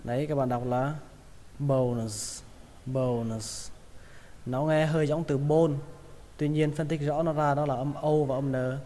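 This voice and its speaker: A man teaching English pronunciation, repeating each word slowly in drills. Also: fairly high pitch, little pitch movement, warm tone, slight background noise. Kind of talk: pronunciation lesson. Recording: long hall reverb.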